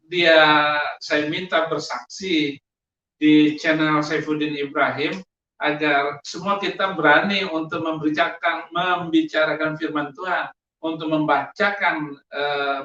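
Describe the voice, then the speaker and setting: A male pastor hosting his channel, asking questions and addressing viewers haltingly with many fillers. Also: a little high, pushed and bright. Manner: slow, hesitant, many fillers. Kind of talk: interviewer, sermon-like commentary. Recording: distant, echoey, muffled, faint noise.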